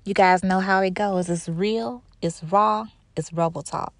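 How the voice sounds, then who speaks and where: A woman in her thirties talks straight to her listeners in a candid monologue, leaning on repeated phrases to drive her points home. Her voice sits at a middle pitch. The sound is dry and close, with no room around it. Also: unhurried, no echo. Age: 30s. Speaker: show host. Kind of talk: casual monologue.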